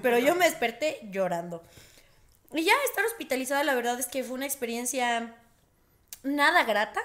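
A woman's voice: a little high, a little fast. A young woman with a Mexican accent, chatting casually as a podcast co-host and telling stories with lots of laughter and acted-out quotes. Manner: animated storyteller, laughs often, acts out quotes. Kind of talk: casual chat.

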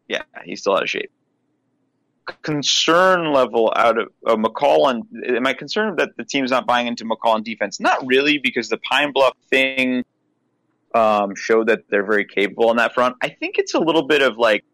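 A man's voice: medium pitch, expressive, normal speed, fairly bright tone, no room sound, low-quality recording. A man talking basketball on a podcast in a loose, rambling, profane way. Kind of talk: casual podcast chat.

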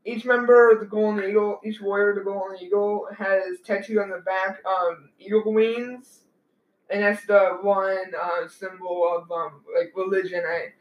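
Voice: mid-range voice, little pitch movement, normal speed, highs cut off. A tabletop game player chatting casually and playfully, often cutting in with jokes. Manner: playful, interjecting. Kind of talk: casual joking table chat. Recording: roomy, noisy group recording.

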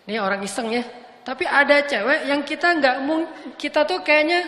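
A woman's voice: high voice, normal speed, a bit bright. A woman giving a humorous, casual sermon with playful, jokey storytelling. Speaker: preacher. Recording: echoey hall with long reverb.

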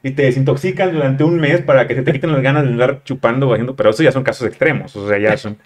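A man's voice: mid-range voice, fast. A man from Mexico with a Mexican Spanish accent, hosting a casual talk show, chatty and slangy as he reads viewer questions. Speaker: host. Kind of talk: casual interview chat.

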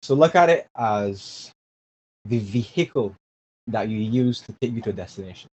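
A Barbadian man in his 20s talks earnestly as an interview guest, often repeating words as he searches for phrasing. His voice is low, expressive, darkish and a bit rough at a normal pace, and the casual remote conversation sounds dull and lo-fi with faint hiss.

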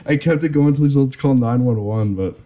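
A man's voice: mid-range voice, quick pace. A young man co-hosting a casual podcast chat, telling stories animatedly and packing his talk with "like" and "man". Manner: animated storyteller, heavy filler "like" and "man". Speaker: podcast co-host.

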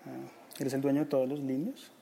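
A man's voice: medium pitch, flat delivery, brisk, warm tone, slight background noise. Chatty Bogotá-accented man podcaster. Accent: Bogotá Colombian. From Colombia. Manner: chatty, reads viewer comments aloud. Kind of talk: live podcast chat. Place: company office.

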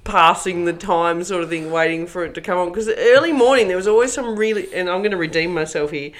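A woman's voice: fairly low pitch, brisk. An Australian woman co-hosting a podcast in casual chat. She is chatty, laughs often and swears casually. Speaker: podcast co-host.

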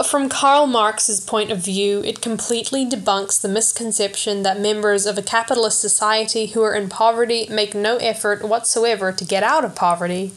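A woman hosting a podcast, talking through a film analysis in a chatty way with self-aware asides and the odd excited swear. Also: a little high. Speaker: podcast host. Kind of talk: casual film analysis commentary.

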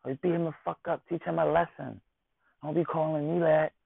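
A man voicing a young woman, a man's excitable girlfriend, with a shrill, urgent voice. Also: brisk, gravelly, no echo, narrow, tinny audio. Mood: egging on.

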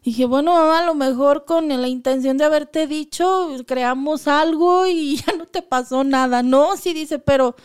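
High-voiced woman telling stories. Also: a little slow, hardly any pauses. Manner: animated, acts out quoted dialogue. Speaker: medium, podcast guest. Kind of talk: conversational storytelling.

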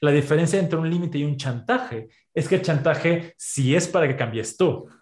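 A man with a Mexican accent in a podcast conversation, explaining ideas with everyday examples in an animated way. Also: fairly high pitch, moderate pace. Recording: roomy echo.

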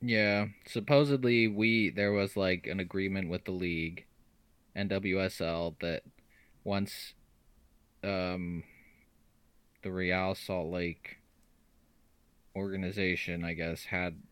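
A man co-hosting a casual sports podcast, hoarse from losing his voice, joking dryly and clearing his throat. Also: low-pitched, steady tone, slow pace, long pauses, a bit bright, dry recording. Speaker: podcast co-host.

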